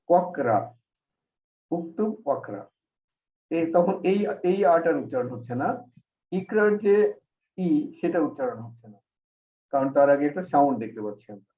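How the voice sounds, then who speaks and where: A man teaching an online Arabic grammar class, explaining patiently step by step. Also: on the high side. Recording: echoey, distant, phone-like call audio.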